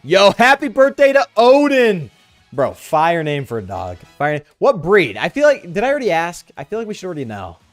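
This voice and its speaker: Frat bro dude streaming a game, super animated, dry close mic, bit of music behind. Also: male voice, fairly high pitch, a little fast, hardly any pauses, no echo. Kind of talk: casual livestream chat over gameplay.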